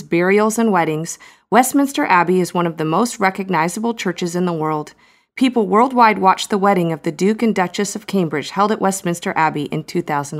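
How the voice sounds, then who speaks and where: A woman reading an informative text aloud for a listening exam, clear and even. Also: fairly low pitch. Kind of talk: scripted narration for a listening test.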